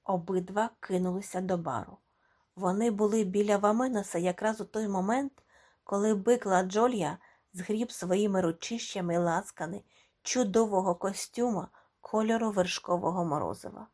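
A woman narrates a short story for an audiobook. Her reading is expressive and dramatic, at an ordinary middle pitch. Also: normal speed. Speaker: audiobook reader. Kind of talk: scripted narration.

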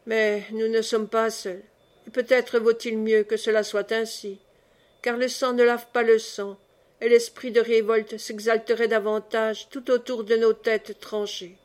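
A woman's voice: fairly high pitch, little pitch movement, a little slow, lightly acted. A woman reading the part of an old man who speaks in exalted, declamatory prophecy. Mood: somber. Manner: solemn, declamatory.

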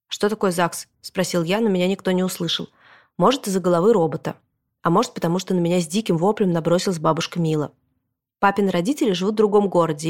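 A woman narrating a children's storybook aloud, with a lively, expressive reading in a boy's first-person voice. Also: lowish voice. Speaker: audiobook reader.

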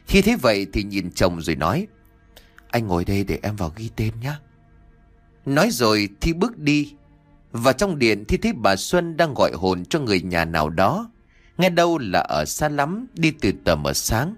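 Over faint background music, a man tells a ghost story expressively, like a storyteller. His voice is mid-range and his pace moderate.

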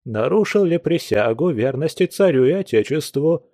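A maudlin drunken old man who begs and preaches in lofty, churchy words, as a male reader puts him on. The voice sits a little higher than usual yet stays mellow and dark in tone, recorded close and completely dry. It suits an audiobook reading. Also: animated, normal speed, dry recording. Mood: drunken pleading. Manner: wailing, churchy pompous phrasing.

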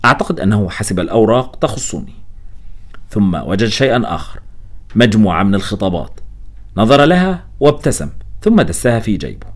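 Guy doing dramatic audiobook narration, quick, lowish voice. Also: big pitch swings. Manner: tense, dramatic reading.

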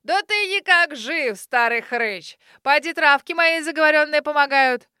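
A woman reading an audiobook, voicing a lively, bossy old witch grandmother who talks loudly and brashly. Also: on the high side, normal speed, smooth, no room sound, studio quality. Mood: brash, merry. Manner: loud, laughing and brash. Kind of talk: audiobook character voice.

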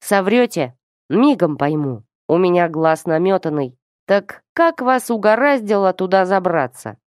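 A woman reading a story who voices a suspicious old man interrogating two youngsters in a curt, sharp manner. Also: lowish voice, lively intonation, measured pace, dry recording, clean studio sound.

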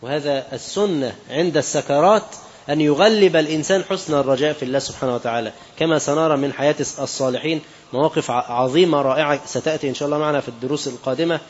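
A man's voice: on the high side, very fast, lo-fi sound, a little hiss or hum. A man with an Egyptian Arabic accent giving an Islamic sermon, moving between classical quotations and colloquial asides and putting questions to his listeners. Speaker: preacher.

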